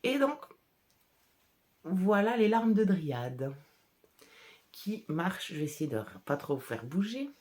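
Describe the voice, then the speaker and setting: A woman's voice: mid-range voice, big pitch swings, slow, long pauses, a little mellow. A woman with a regional French accent, chatting casually on her podcast about dyeing yarn colours and laughing often. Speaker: hand-dyer and shop owner hosting a podcast. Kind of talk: casual chat.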